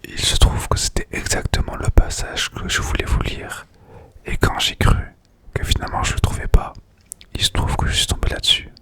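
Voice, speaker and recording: A man speaking in a breathy, unvoiced whisper, presenting and reading books in an informal ASMR style. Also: normal speed, sharp tone.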